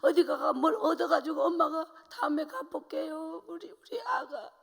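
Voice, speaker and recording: A woman's voice: very high voice, animated, moderate pace, gravelly, long reverb tail, heavily acted. A woman voicing a frail, dying mother who speaks tenderly through tears. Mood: tearful. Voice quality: weeping, trembling.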